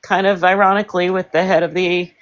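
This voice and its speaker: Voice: mid-range voice, little pitch movement, brisk, a bit bright, highs cut off. A caller on a casual political panel, talking in a sarcastic, rambling way. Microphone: online audio call.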